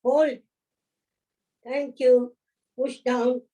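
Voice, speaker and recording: A woman leading a yoga class, giving gentle, unhurried instructions, counting holds and offering encouragement. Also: sits high, little pitch movement. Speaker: yoga teacher. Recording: voice from a distance off the mic.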